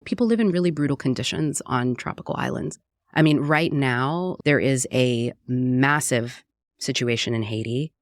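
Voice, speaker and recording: A woman's voice: rumbling low, normal speed, no echo, clean studio sound. A woman from Puerto Rico, a cookbook author and radio producer, talking earnestly and reflectively in an interview. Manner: earnest and reflective, frequent "right?" tags. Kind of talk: conversational interview.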